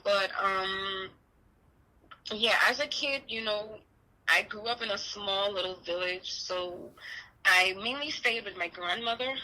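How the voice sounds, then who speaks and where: A woman from the Bahamas, a guest in a remote interview, telling her own story softly with many restarts and "you know". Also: mid-range voice, unhurried, low-quality recording.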